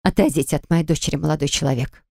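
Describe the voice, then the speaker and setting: A woman's voice: deep voice, fast talker, vocal fry, dark tone, no room sound, clean studio sound. A woman narrator voicing a stern, protective middle-aged mother who speaks curtly and forbiddingly. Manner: curt and forbidding.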